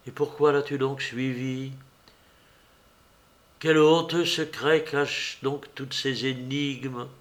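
Wounded, proud young woman, hushed and pained, slow storybook pace, read by a man. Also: mid-range voice, fairly even intonation, natural voice. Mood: bitter.

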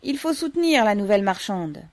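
A woman voicing a loud, hearty male locksmith at a factory. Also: big pitch swings, fairly quick, no echo, natural voice. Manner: booming, hearty.

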